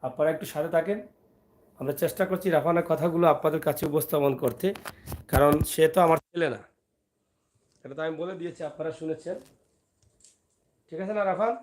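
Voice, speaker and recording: A man's voice: a little high, brisk, pauses often, a little mellow, a little hiss or hum. A man who makes family vlogs. He coaxes and teases his young son, then turns to speak to his viewers. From Sylhet, Bangladesh. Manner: coaxing and teasing, talking to his child and to viewers in turn. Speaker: father and family vlogger. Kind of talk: casual family vlog.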